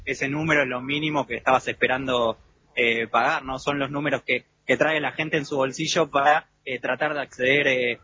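A man with an Argentine Rioplatense accent reports live for radio from an outdoor fan zone, stopping fans for quick interviews. He talks at a middling pitch and fills his pauses with "eh". The sound is dull and lo-fi, with loud crowd noise behind him. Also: fairly even intonation. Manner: hesitant with frequent "eh" fillers. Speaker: field reporter.

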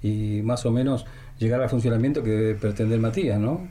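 A man's voice: mid-range voice, fairly quick, dark tone, a little hiss or hum. A man with an Argentine accent hosting a radio sports interview, chatty and full of leading questions and fillers. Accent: Argentine Spanish.

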